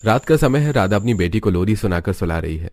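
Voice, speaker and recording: Deep-voiced male story narrator. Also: lively intonation, a little fast, a little mellow, soft background music.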